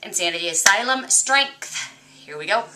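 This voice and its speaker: A woman's voice: mid-range voice, lively intonation, moderate pace, sharp tone. A woman fitness vlogger talking casually and earnestly to her viewers about motivation. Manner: earnest, encouraging. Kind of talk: casual motivational talk to camera.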